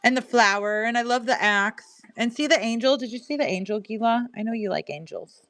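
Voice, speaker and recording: A middle-aged woman with a Missouri accent chats in a rambling, easygoing way as she runs a live selling stream. Her voice sits a little high and reaches the ear dry and close, with no room sound. She reads viewer comments aloud between bits of her story. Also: a little fast, fairly bright tone, no room sound, faint music behind. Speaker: livestream seller.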